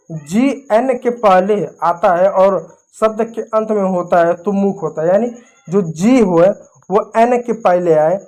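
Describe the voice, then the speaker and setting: A woman's voice: medium pitch, a little mellow. A woman teaching English spelling rules, patiently repeating each point and spelling words out letter by letter.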